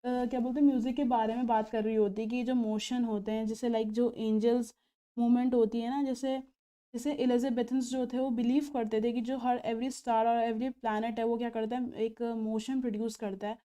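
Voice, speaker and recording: Smooth-voiced woman explaining a play. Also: fairly high pitch, little pitch movement, dark tone. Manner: explains in Hindi mixed with English, slowly reads play lines aloud. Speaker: teacher. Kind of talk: page-by-page play explanation for students.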